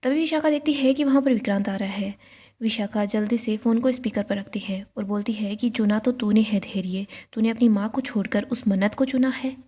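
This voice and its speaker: A woman's voice: mid-range voice, brisk, warm tone, slightly rough. A woman narrating a recap of a TV drama, retelling the scenes and reading the characters' lines in her own voice. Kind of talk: storytelling recap of a TV serial.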